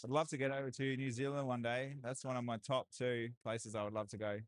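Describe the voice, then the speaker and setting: A man doing live, excitable commentary on a strongman deadlift event, hyping lifts and chatting with viewers. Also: mid-range voice, a little fast, no echo. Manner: excitable hype, repeated cheers and laughs. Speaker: livestream commentator.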